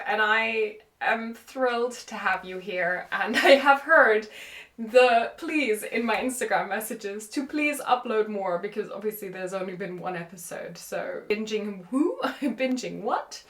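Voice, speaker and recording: A woman hosting her own show in casual, chatty talk, filming herself on a phone camera inside an old cottage. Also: mid-range voice. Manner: chatty, animated, self-deprecating. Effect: recorded on a phone camera. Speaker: podcast host. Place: room in an old country cottage, indoors. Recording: echoey room on a phone.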